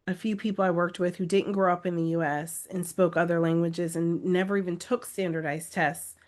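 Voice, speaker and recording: Her low-leaning, darkish voice stays level at a moderate pace as she reads comments on a live webinar. The native English speaker coaches test-takers, repeating herself emphatically to encourage and plead with them.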